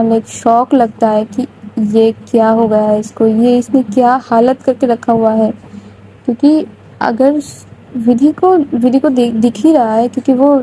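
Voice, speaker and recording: A woman's voice: a little high, dark tone, a little hiss or hum, rough recording. A woman casually retelling a love story in a chatty, informal way. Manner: chatty, informal, frequent English fillers.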